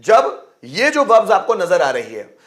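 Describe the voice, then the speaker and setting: A man's voice: high-pitched, wildly swooping pitch, a little slow. A man teaching English grammar rules in Hindi, often repeating words aloud and putting questions to his viewers.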